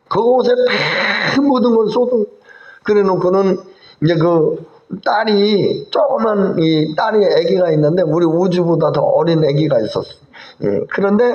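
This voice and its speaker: A high-voiced male pastor preaches with a lively, sweeping delivery and keeps turning questions back to his congregation. His voice echoes through a church sanctuary, and the recording sounds a little dull. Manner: animated, asks the congregation questions. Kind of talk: sermon.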